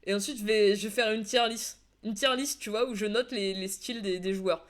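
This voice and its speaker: A woman's medium-pitched voice stays steady at a moderate pace as she casts a football video game match and chats casually with her stream audience. Fillers and restarts come up frequently.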